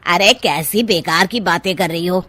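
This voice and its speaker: A woman's voice: lowish voice, moderate pace, bright, forceful tone, no echo. Woman as a henpecked young husband, close dry sound. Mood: reasoning. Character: pliant, henpecked young husband, favored son. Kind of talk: Hindi moral cartoon voice acting.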